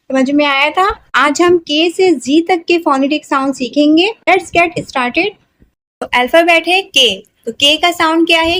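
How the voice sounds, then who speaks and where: A woman teaching a phonics lesson, patient and steady, who says each letter sound again and again with simple example words. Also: very high-pitched. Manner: slow, patient, repeats each sound many times.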